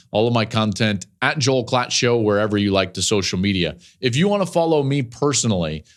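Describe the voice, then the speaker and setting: Middle-aged male podcast host, chatty and casual, mid-range pitch, easygoing filler-heavy delivery. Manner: chatty, conversational, frequent fillers. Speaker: podcast host and football analyst.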